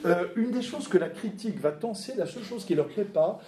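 A man's voice: high-pitched, expressive, a little fast, over a noisy crowd. A man lecturing on art history to a class, chatty, with many fillers and tag questions. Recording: roomy hall, mic far off.

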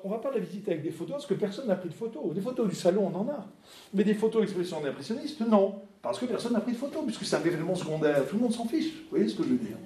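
A man's voice: sits high, dark tone. A man lecturing on art history to a class, chatty, with many fillers and tag questions. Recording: roomy hall, mic far off.

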